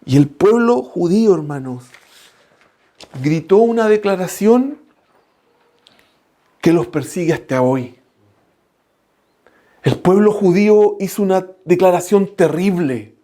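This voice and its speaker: A male preacher, delivering an impassioned sermon that swings from loud cries to hushed lines and calls the listeners brothers. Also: expressive, slow pace, pauses often. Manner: impassioned, shifting between loud outbursts and low hushed lines; addresses the congregation as brothers.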